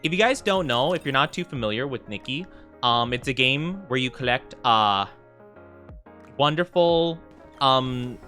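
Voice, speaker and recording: Man, cute anime streamer, very bright voice, chatty, repeats phrases, music behind. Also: mid-range voice, animated, a little slow. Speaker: VTuber game streamer. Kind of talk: casual live stream chat. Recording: music under the voice.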